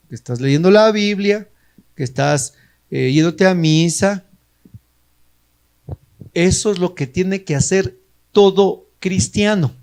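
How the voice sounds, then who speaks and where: Male preacher, high-pitched, emphatic sermon delivery with acted-out exchanges. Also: darkish tone. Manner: emphatic, acts out quoted dialogues, repeats phrases. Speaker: preacher in a charismatic prayer group.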